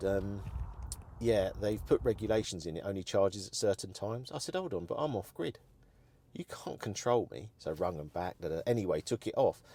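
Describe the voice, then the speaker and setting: Low guy rambling on his vlog, chatty and blunt, says um a lot. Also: darkish tone, no echo. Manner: chatty, rambling, frank, with many ums. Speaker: vlogger. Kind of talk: casual opinion chat to camera.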